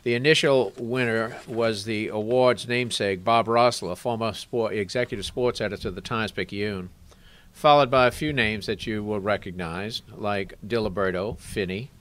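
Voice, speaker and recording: A man with a lowish, fairly bright voice announces awards at a press conference. He reads formally from his notes and stumbles over words now and then.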